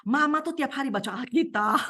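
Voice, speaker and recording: A woman's voice: a little high, fairly quick. A woman pastor preaching a sermon, telling a personal story with acted-out quotes and frequent laughter. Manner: lively storyteller acting out voices and quotes, laughing often.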